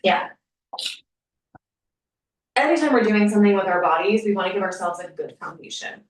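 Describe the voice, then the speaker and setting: A woman leading a somatic wellness workshop for a live group, speaking gently and often dropping to a near-whisper. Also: mid-range voice, expressive, moderate pace. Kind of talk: workshop teaching and Q&A. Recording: echoey room, mic far off.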